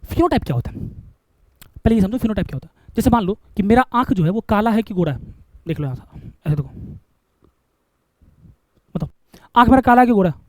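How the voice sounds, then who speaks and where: A man's voice: high-pitched, lively intonation, brisk, long pauses. A male biology teacher, lecturing a class and coaxing answers by asking questions and repeating key terms.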